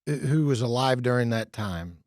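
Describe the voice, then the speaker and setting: After narrating a scripted opening, this podcast host shifts into a casual interview, rambling through his questions with many fillers and restarts. He has a medium-pitched, expressive, darkish voice at a moderate pace, captured with clean studio sound and no echo.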